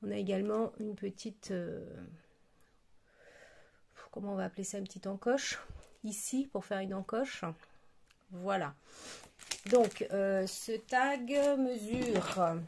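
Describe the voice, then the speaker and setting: Slow, gravelly-voiced woman presenting crafts. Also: medium pitch, a little mellow. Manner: chatty, hesitant with many fillers. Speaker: craft product reviewer. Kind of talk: casual product presentation.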